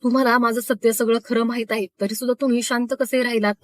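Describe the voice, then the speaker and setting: A woman's voice: on the high side, fairly even intonation, fast, dry recording, close to an everyday voice. A woman voicing a young newlywed woman, earnest and loving, with a pleading, affectionate manner.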